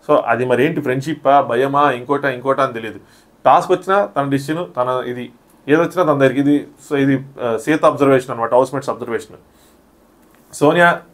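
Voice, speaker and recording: A man giving a quick, animated review of a reality show, acting out what the contestants said. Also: mid-range voice. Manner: animated, re-enacts contestants' quotes. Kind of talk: fast recap commentary.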